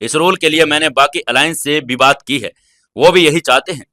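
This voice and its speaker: A commanding male martial arts alliance president, as a narrator voices him in an audio story, speaking firmly and reassuringly. The voice is bright and clear, recorded dry and close. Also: fairly high pitch, moderate pace, no room sound. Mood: assured.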